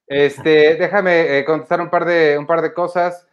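A podcast host speaking at a middle pitch, opinionated and casual as they run through the listener questions. The recording sounds dull and a little lo-fi. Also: fairly even intonation, measured pace. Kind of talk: casual chat.

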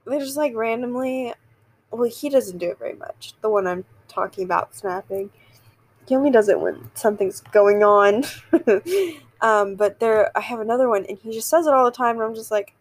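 Young female podcast host, a bit high-pitched, giggly, rambling casual chat. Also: low-quality recording. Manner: rambling, giggly, self-deprecating.

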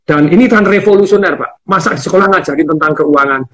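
A man, speaking quickly and emphatically in casual conversation and laughing often as he talks. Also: sits high, a bit bright. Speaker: financial seminar speaker.

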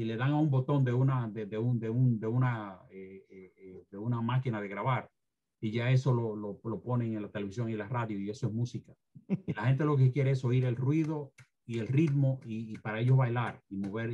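Man, emphatic and strict, lecturing, dark voice, slightly husky, dull lo-fi sound. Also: mid-range voice, steady tone, normal speed. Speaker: former Spanish teacher. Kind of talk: interview, opinionated commentary on language.

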